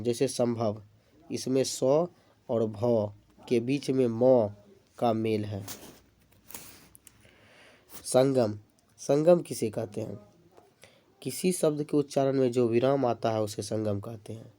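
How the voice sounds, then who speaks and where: A man's voice: mid-range voice, dark tone. A man teaching an exam-prep grammar lesson, explaining definitions step by step with examples. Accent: Bihari-tinged Hindi.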